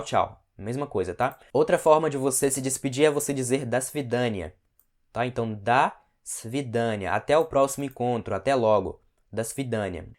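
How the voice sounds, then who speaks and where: A man gives an online language lesson in a voice of ordinary, middling pitch. He explains things patiently and keeps checking in with his listeners. He slows down whenever he models a word for them to repeat. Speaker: language teacher.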